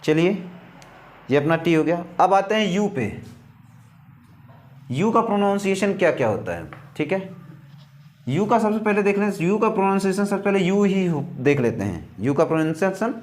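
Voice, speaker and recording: Male teacher, lively rising and falling voice, drills pronunciation by repetition. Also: high-pitched. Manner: slow, repetitive, asks questions and answers them. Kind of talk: English pronunciation lesson.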